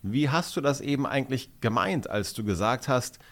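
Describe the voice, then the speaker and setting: A man's voice: mid-range voice, lively intonation, normal speed, a bit bright, voice pushed up, lightly acted. A man reading aloud, voicing a caring, curious schoolgirl who asks thoughtful questions. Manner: inquiring, concerned.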